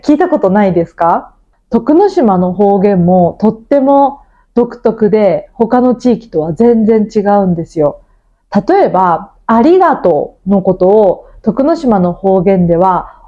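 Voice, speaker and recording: A woman from Tokunoshima, hosting a Japanese listening-practice lesson, explaining things clearly and often asking her listeners questions. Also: mid-range voice, muffled recording. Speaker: Japanese teacher and podcast host.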